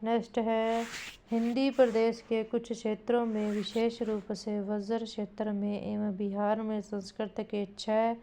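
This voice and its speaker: A woman teacher drilling correct spellings in an exam-prep grammar lesson, deliberate and repetitive, now and then addressing her listeners directly. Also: mid-range voice, level tone, warm tone.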